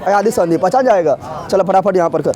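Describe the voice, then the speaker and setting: A young man runs an exam-prep grammar lesson. His voice sits high for a man, and he keeps firing questions at his students and answering them himself, over and over, like a drill. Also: fast, dark tone, soft background music, some chatter behind. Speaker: teacher.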